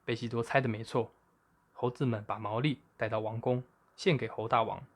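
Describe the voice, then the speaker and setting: A man's voice: mid-range voice, normal speed. Man telling a children's story. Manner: lively, expressive storytelling.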